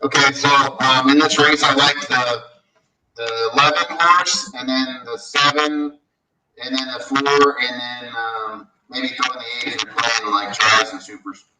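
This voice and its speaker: A man's voice: medium pitch, steady tone, a little slow, a loud crowd. A man calling in over a bad laptop connection that gives his voice a hollow, cave-like echo, talking hesitantly with many restarts. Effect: hollow cave-like echo from a bad remote audio link. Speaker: horse racing handicapper calling in. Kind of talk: casual call-in chat. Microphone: laptop call mic.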